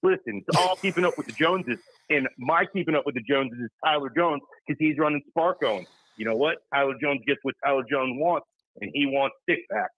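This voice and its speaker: A man's voice: on the high side, fairly bright tone, no echo, rough recording. A man appearing as a guest from a battery company on a casual podcast, ranting hotly and swearing freely. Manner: heated, profane, rapid ranting.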